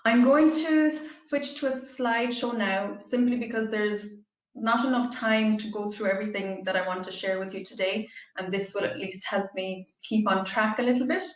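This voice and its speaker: A woman's voice: medium pitch, moderate pace. A middle-aged woman with a west of Ireland accent, giving an informal online presentation. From Galway, Ireland. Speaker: translator, guest speaker. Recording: roomy, echoey, distant microphone.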